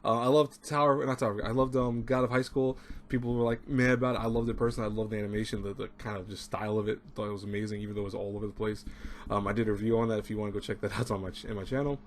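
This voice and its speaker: A man in his thirties who hosts an anime review channel chats casually to the webcam on his desk in a small room at home. His voice is fairly low and level, and he talks rapid-fire, rambling and repeating himself with plenty of fillers. People can be heard talking nearby, adding slight background noise.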